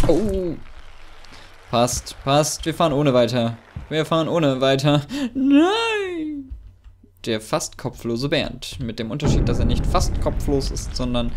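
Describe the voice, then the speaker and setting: A man giving excitable, chatty commentary while playing a game, often yelping and exclaiming. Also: on the high side, background noise. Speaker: let's player.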